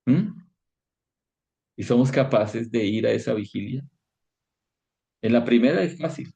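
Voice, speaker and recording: A man teaching a devotional Bible lesson as pastor, slow and questioning, often checking in with his listeners. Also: mid-range voice, lively intonation, creaky, warm tone, husky.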